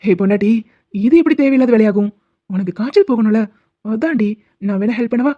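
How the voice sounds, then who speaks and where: A woman voicing a teasing, doting young husband in an animated cartoon who worries easily. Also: fairly high pitch, fast, dry recording, muffled recording, lightly acted. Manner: teasing, fussing, affectionate.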